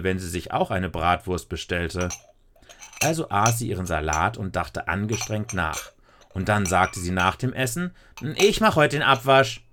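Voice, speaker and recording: A man narrating a children's story in a lively, expressive way. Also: low voice. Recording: noisy recording with clicks.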